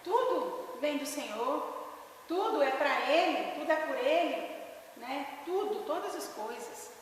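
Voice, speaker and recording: A woman's voice: high-pitched, unhurried, slight background noise. A woman pastor teaching a discipleship class informally, telling anecdotes and often checking in with her listeners. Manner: lively storyteller, often asks "né?". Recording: echoey hall, distant mic.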